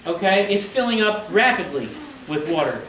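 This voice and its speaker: A man's voice: sits high, lively intonation, normal speed, fairly bright tone. A man giving a live history presentation to an audience, chatty and constantly checking in with his listeners. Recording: echoey room, voice from far off.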